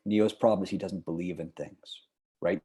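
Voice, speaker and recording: A man's voice: deep voice, fairly even intonation, moderate pace, mellow. A man lecturing on screenwriting, explaining with fillers and frequent "right?".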